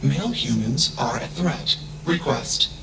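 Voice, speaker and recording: An actor voicing a flat, emotionless artificial intelligence that speaks in monotone, clipped statements, each introduced by a label word. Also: male voice, mid-range voice, a little slow, gravelly, background noise. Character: flat emotionless artificial intelligence, male-sounding, curious and literal. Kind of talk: video game voice acting.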